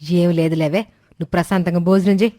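A man's voice: high-pitched, steady tone, fast talker, warm tone, no echo, clean studio sound, pitched above the performer's own voice, natural voice. A homely village mother-in-law, put on by a man. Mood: fond. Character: kindly village mother-in-law, middle-aged woman, hospitable. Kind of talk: storybook character voices.

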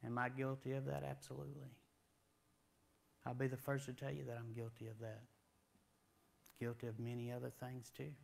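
A man's voice: medium pitch, completely flat delivery, normal speed, creaky, long pauses. A man, preaching a sermon in a folksy, conversational way with rising emphatic questions, in a church sanctuary on a lapel mic. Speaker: guest preacher.

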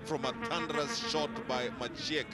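A man's voice: on the high side, fairly even intonation, normal speed, loud music behind the voice. A man co-commentating on live football in short, analytical phrases. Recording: loud outdoor stadium background noise.

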